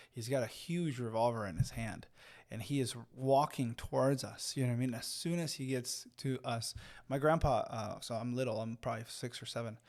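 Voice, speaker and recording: A man's voice: medium pitch, darkish tone. A man in his thirties from Mexico, co-hosting a podcast and telling a long personal story with many fillers and restarts. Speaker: podcast co-host. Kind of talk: casual storytelling chat.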